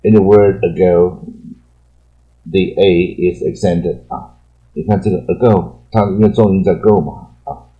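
A man from Taiwan teaching English vocabulary in a rambling lecture, loosely explaining words and padding his sentences with drawn-out particles. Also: sits low, steady tone, narrow, tinny audio.

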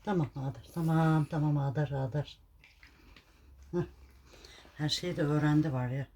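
A woman's voice: low-pitched, fairly even intonation, normal speed, warm tone. A woman caring for a street cat at home and talking to it in fond, chiding baby talk, repeating its name, with a cat purring nearby. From Turkey. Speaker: street cat rescuer and vlogger.

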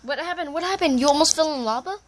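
Fields: Sex: woman. Role: gameplay commentator. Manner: excitable, teasing, shrieks when startled. Pitch: fairly high, very lively. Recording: faint background hiss. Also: fast. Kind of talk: casual game commentary.

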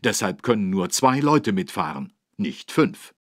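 In a German cartoon game, a man with a fairly low, sing-song voice plays a friendly, helpful policeman teaching small children about road safety. He speaks a little slowly and instructively, phrasing everything simply and clearly for young kids. The recording is clean studio sound with no echo.

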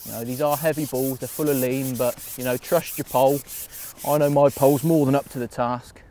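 A man from England, an angler, calmly talking through bait mixing and feeding his swim outdoors on a canal bank in a practical fishing how-to. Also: medium pitch, a little fast, a little hiss or hum. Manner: relaxed, practical, talks through each step. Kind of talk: instructional fishing demonstration.

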